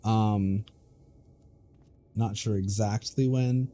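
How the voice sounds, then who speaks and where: A man streaming a game, chatting casually in a relaxed, hesitant way with many pauses and ums. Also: on the low side.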